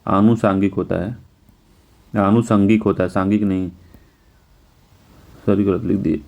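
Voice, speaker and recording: A man teaching a spelling lesson for an exam, going through test answers, repeating words slowly and correcting himself often. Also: sits low, little pitch movement, gravelly, dark tone. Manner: repetitive, self-correcting, often says "ठीक है"; slows and stretches words to spell them out.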